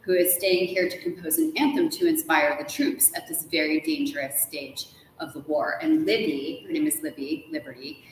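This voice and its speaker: A woman in her forties, appearing as a guest author in a live interview, tells stories casually and enthusiastically with playfully dramatic flair. Her voice is low, gravelly and sing-song at a moderate pace, captured indoors in a large ornate hotel room that sounds echoey, with faint background noise.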